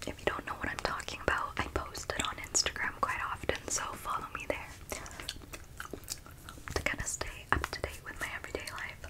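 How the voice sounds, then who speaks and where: A woman in her twenties hosting ASMR personal attention as whispered role-play, whispering close to the microphone with soft, tingly mouth sounds. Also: a little fast, poor audio. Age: 20s. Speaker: ASMR host. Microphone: close microphone, intimate framing.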